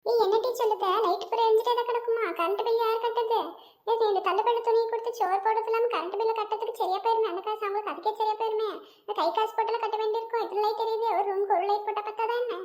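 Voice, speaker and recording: A woman voicing a loud, bossy grown woman who scolds and grumbles in a comedy cartoon. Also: very high-pitched, fairly even intonation, very fast. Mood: grumbling.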